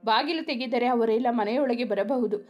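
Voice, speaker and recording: A frightened young woman from a storybook, voiced by the female narrator. She pleads anxiously in a high, light voice. Soft music hums behind her. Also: normal speed, muffled recording, natural voice.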